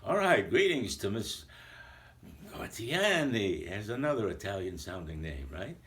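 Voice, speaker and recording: A jolly old Santa Claus, played by a man, chatting in a rambling, playful way to a school full of children. His lowish voice swings up and down with plenty of life. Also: very animated, a little slow, a bit bright. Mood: cheerful. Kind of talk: recorded video greeting to a school.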